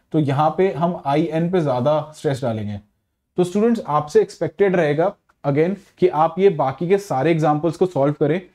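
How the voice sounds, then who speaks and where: A man teaches an exam-prep grammar lesson in a fairly high yet mellow voice. He reads example sentences slowly and then explains them at length, switching between Hindi and with frequent fillers.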